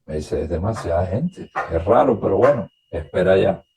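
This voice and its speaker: A priest from Venezuela, a man, telling his own story as a radio interview guest, recounting past conversations in a halting, reflective way. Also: sits low, animated, dark tone, husky.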